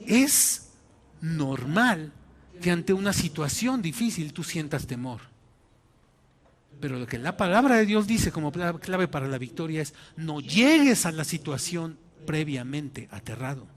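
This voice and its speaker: A man with a Mexican accent, a pastor preaching a sermon and telling a personal story in an animated way, acting out the voices in it. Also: fairly high pitch, measured pace. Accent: Mexican Spanish.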